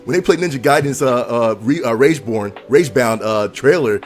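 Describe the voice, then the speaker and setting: A man's voice: medium pitch, fairly quick. A man as a podcast guest in casual chat, talking in a laid-back, slangy way with lots of fillers.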